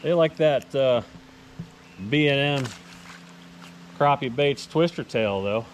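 A middle-aged American man, a fishing vlogger and tournament angler, talks slowly at a medium pitch while fishing from a small boat on a lake. His commentary to the camera is casual, folksy, and rambling. It's captured with outdoor action-camera sound full of heavy ambient noise.

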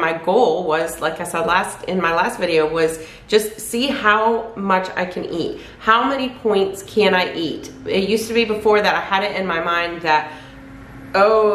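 In an echoey living room near the fireplace, a weight loss vlogger in her fifties chats casually to a camera at desk distance. She is candid and rambling, often restarting and correcting herself. Her medium-pitched voice is a bit bright, with a little hiss or hum in the recording.

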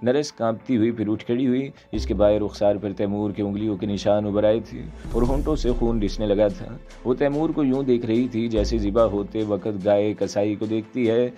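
A man narrating a thriller novel in the first person with steady, measured storytelling. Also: lowish voice. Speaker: audiobook narrator. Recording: dull lo-fi sound, faint music behind.

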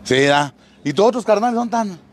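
Man, Mexican accent, high voice, jokey, reads viewer greetings. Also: animated, fairly quick. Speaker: vlogger visiting an elderly man. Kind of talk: casual teasing chat.

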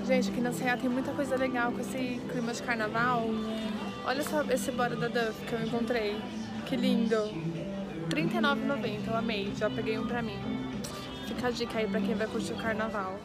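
A woman's voice: on the high side, level tone, fairly quick. A young woman with a Brazilian Portuguese accent, a mother of twins chatting cheerfully to her viewers while caring for her babies. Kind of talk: casual vlog chat to viewers. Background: loud background music.

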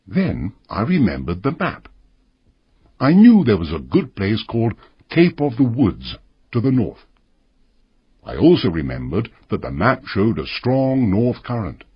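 A man reading a story aloud in a measured, expressive way for English learners. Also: lowish voice, breathy edge, dry recording, lo-fi sound. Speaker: narrator.

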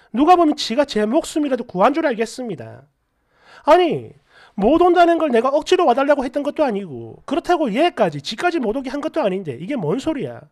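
Brief: an indignant, sarcastic woman storyteller with a bright, animated, high-pitched delivery. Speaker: story narrator. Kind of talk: first-person story narration.

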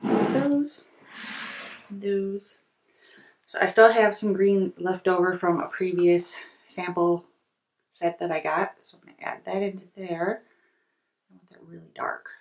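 A middle-aged woman running a soap-making channel talks through each step at her home kitchen table, shot from overhead, musing aloud as she mixes. Her fairly low voice is unhurried and full of pauses, turning soft at times and lively at others.

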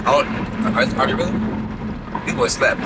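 A young man chatting casually and playfully to the camera in a loose vlog style, recorded from arm's length inside a car. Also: moderate pace. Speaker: vlogger. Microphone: handheld camera at arm's length. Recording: loud road noise in a car. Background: car and road noise.

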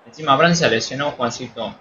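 Swearing Argentine gamer, dull home mic. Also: male voice, medium pitch, fast, slight background noise. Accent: Argentine Spanish. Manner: reactive and swearing, with sudden excited shouts. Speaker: gaming youtuber. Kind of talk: casual live gameplay commentary.

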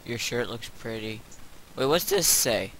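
A man's voice: mid-range voice, lively intonation, measured pace, a bit bright, rough recording. A young man joking around with a friend while playing an online game. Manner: joking, easily distracted. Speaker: gamer. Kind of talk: casual game chat.

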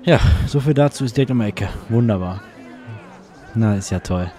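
A man's voice: on the low side, normal speed, dark tone, faint music behind. Grumbling, sarcastic let's play guy. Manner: chatty, sarcastic, grumbling at the game. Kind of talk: casual gameplay commentary.

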